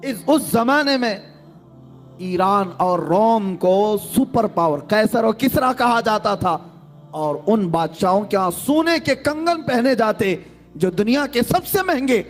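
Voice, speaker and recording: A man preaching a sermon as a story, passionate, pushing his voice up into exclamations and repeating key phrases. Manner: impassioned, surging into high exclamations and repeating phrases.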